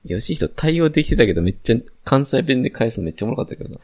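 A man's voice: medium pitch, very animated, racing, darkish tone, breathy edge. A young man with a Kansai accent, co-hosting a casual podcast chat and rambling with fillers. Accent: Kansai Japanese. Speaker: podcast co-host.

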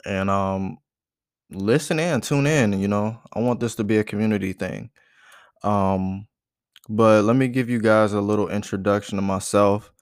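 A man in his thirties, originally from Ohio, hosts his own podcast in a loose, candid monologue full of "um"s. His voice sits somewhat low with a smooth, resonant tone. The sound is close and dry, with no room around it. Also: normal speed, no echo. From Ohio, USA. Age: 30s. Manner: rambling, many "um" fillers, relaxed and candid. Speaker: podcast host. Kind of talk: casual solo podcast monologue.

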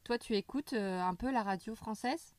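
A woman's voice: fairly high pitch, moderate pace, darkish tone, no echo. A woman in casual conversation, sharing advice on learning languages, speaking hesitantly with frequent fillers and restarts. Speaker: language learning chat partner.

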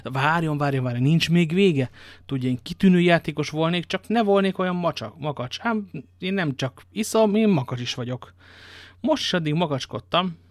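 A man's voice: a little high, expressive, no room sound, voice pushed up, lightly acted. Athos, a man doing a wry musketeer. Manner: languid, ironic storytelling. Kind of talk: audiobook reading.

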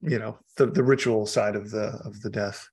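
A man's voice: on the low side, steady tone, moderate pace, a little mellow, breathy edge. A man, an author guest, chatting casually through a film commentary, laughing often and restarting his sentences.

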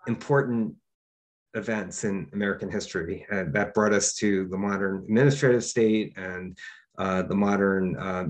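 Hesitant low-voiced man, filler-heavy. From upstate New York. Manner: hesitant, many fillers and restarts. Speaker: author and lawyer, guest. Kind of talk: interview answers.

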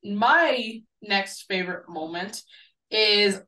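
A woman's voice: medium pitch, takes it slowly, bright, forceful tone. A young woman with a slightly nasal, sniffly voice from a cold, chatting informally as a podcast host. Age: young adult. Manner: chatty, informal, swears casually. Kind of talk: casual fan chat about wrestling. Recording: echoey room, distant from mic.

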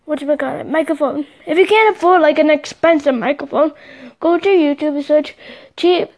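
A woman's voice: high voice, darkish tone. A young woman hosting a casual solo podcast, chatting in a rambling way with lots of fillers, recorded on a phone mic. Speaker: podcast host. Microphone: phone microphone.

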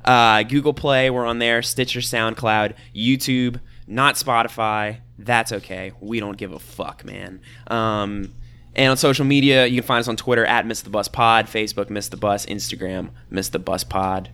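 A man hosting a casual podcast, joking and teasing his co-hosts, often trailing off quietly. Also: fairly low pitch, fairly even intonation, normal speed, clear, resonant tone. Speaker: podcast host.

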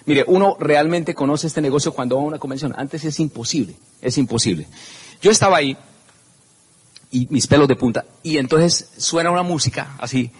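A man telling an animated story to an audience at a business event, acting out the scenes and calling out to the crowd. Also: a little high, a little fast, slightly rough. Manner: expressive, acts out scenes and shouts.

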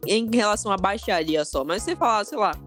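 A woman in casual chat, calmly explaining with examples. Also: mid-range voice, fast talker, faint music behind.

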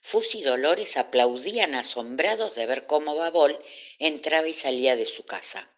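A storyteller, reading a children's story aloud in a slow, expressive way. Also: mid-range voice.

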